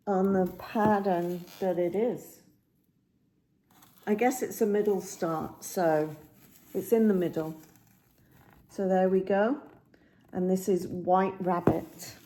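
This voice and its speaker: A cross stitch vlogger sits indoors by a window at home, chatting casually and showing her stitching to a phone camera. Her medium-pitched voice is slow, steady, dark and slightly croaky, with a little hiss or hum. She rambles, with many ums and restarts.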